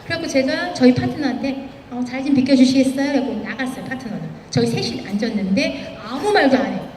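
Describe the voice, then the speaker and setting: A woman's voice: high voice, lively intonation, fast talker, darkish tone, slight background noise. Woman guest speaker in a big echoey hall, telling stories and doing the voices, recorded from afar. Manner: storytelling, acting out quoted dialogue. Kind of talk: motivational stage speech with anecdotes. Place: large event hall. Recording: echoey hall, far from the mic.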